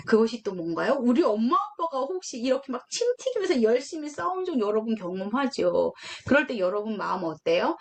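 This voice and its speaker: A young woman gives a children's sermon in a slightly high, very animated voice. She tells it like a story, asks the children questions and voices the characters with expressive swings. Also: a little hiss or hum. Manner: storytelling, acts out dialogue with lively voices. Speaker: children's ministry preacher.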